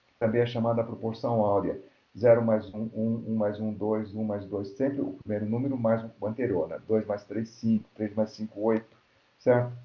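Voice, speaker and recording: A man's voice: fairly low pitch, steady tone, moderate pace. A Brazilian man giving an academic lecture, explaining step by step and often checking in with "right?". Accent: Brazilian Portuguese. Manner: explanatory, frequent checking tags like "né?" and "certo?". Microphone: computer mic on an online lecture platform. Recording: roomy, dull lo-fi online call audio.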